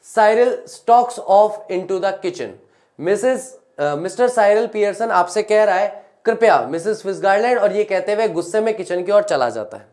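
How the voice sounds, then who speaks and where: A woman's voice: mid-range voice, expressive, darkish tone. Woman teacher reading a play. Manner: reads English lines slowly, then paraphrases them in Hindi. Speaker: English teacher. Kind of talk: reading a play aloud and explaining it in Hindi.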